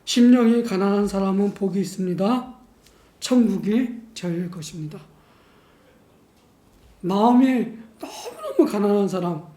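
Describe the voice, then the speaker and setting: A man preaching a sermon as pastor in a church, measured and unhurried, posing rhetorical questions to the congregation. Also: very high-pitched, warm tone. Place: church sanctuary. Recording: echoey church room.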